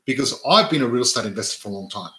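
Recorded at low quality in a roomy space, a man talks very fast in a bright, forceful, expressive mid-range voice. He's a real estate investor from Adelaide, Australia, whose first language isn't English, as his parents were immigrants. Co-hosting a casual podcast chat, he's chatty, restarts a lot, and often punctuates his points with "right?"

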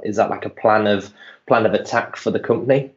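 Male host, fairly low voice, upbeat questions, dull lo-fi sound. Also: a little fast. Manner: enthusiastic, complimentary questions. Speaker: interviewer. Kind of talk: casual interview.

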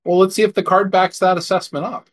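A man co-hosting a podcast in casual chat, reading card text in a deadpan way. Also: sits high, quick pace. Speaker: podcast co-host.

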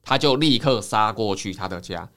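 A man, a counseling psychologist telling a folk tale in a lively, dramatic way on a podcast. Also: lowish voice, normal speed. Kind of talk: animated storytelling in a podcast.

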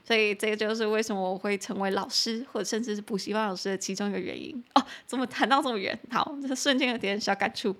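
A young woman hosting a podcast lesson, explaining English phrases in chatty Mandarin and spelling words out slowly. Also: medium pitch, steady tone, fairly bright tone. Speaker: English teacher and podcast host. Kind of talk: bilingual language lesson.

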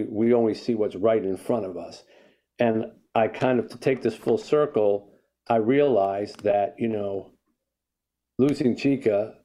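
A man's voice: lowish voice, mellow. An older man, an author guest in a conversational interview, telling a story and reflecting, often restarting his sentences.

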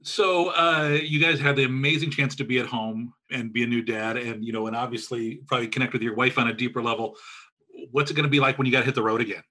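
A male host with a bright voice and quick pace puts questions to his guest. He sounds upbeat and leads into his questions with short fillers. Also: medium pitch, fairly even intonation, poor audio. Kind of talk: casual interview questions.

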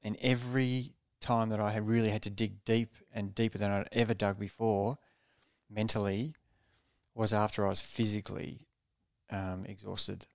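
Aussie guy guesting on a podcast, low flat voice, smooth and clear, keeps restarting sentences. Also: dry recording. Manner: measured and low-key, often restarting phrases. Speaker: podcast guest, former racing cyclist. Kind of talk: reflective storytelling in a podcast interview.

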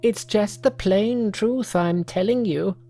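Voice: medium pitch, takes it slowly, warm tone, pitched above the performer's own voice. A storyteller voicing an eager, humble male monkey who has come to study immortality, earnest and polite.

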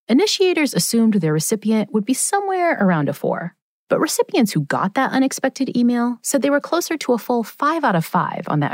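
A woman's voice: lowish voice, vocal fry, dry recording, clean studio sound. A woman hosting a podcast in scripted, explanatory narration. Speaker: podcast host.

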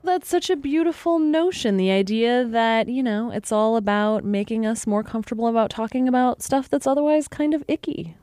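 An American woman hosting a podcast, chatting and interviewing in a casual, playful and expressive way. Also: a little high, normal speed, few pauses, no echo. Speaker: podcast host.

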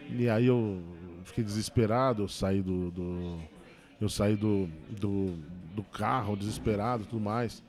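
A man, a stand-up comedian, telling a personal story in a casual interview, with quick emotional restarts. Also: lowish voice, steady tone, a little mellow. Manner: fast, emotional retelling with many restarts.

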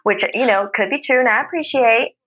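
A woman's voice: on the high side, a little fast, a bit bright, low-quality recording. A woman playing a sweetly scolding restaurant manager, polite but cutting, in improvised comedy.

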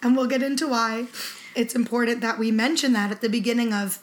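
A woman's voice: fairly high pitch, steady tone, fairly quick. Female casual podcast host, flu-sick voice, conversational delivery. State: sick with flu-like illness affecting her voice. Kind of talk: casual chat.

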